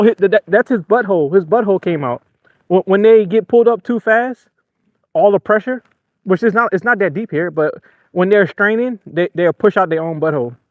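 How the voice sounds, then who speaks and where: A man's voice: high-pitched, dry recording, phone-quality sound. A man hosting a fishing live stream, chatting casually, joking with his chat and laughing often. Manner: excitable, laughs a lot, jokes with chat. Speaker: fishing livestream host. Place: outdoors on a boat at sea.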